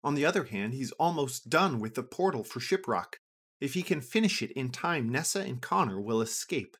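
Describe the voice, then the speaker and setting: A storyteller reading a scripted adventure story for children, with an expressive, lively delivery. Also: normal speed, husky. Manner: lively, expressive reading with a wide pitch range.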